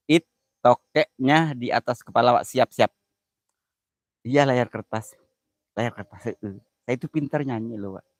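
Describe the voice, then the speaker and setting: A man's voice: mid-range voice, dry recording. A man streaming live, chatting casually, thanking viewers by name, joking about being scared and crooning his words. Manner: jokey, easily spooked, drawls and croons phrases. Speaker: live-streaming content creator.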